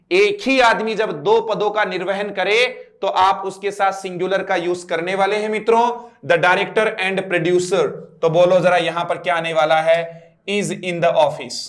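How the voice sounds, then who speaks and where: An Indian-accented man with a high voice teaching a grammar class. He works through each example step by step, quizzing his students and spelling out words one letter at a time. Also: fairly bright tone. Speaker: English teacher.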